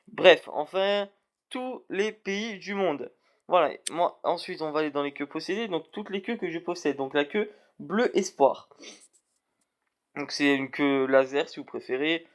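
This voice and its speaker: A young man explaining a game in a screen-recorded walkthrough, with many fillers and restarts. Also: fairly high pitch. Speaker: gaming video creator.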